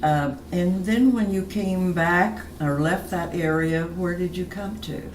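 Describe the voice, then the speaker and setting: A woman's voice: on the low side, slow pace, darkish tone. An older woman interviewing a neighbor at her retirement community, asking friendly prompting questions. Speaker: interviewer, fellow resident. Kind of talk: oral history interview. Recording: roomy, distant mic with background noise.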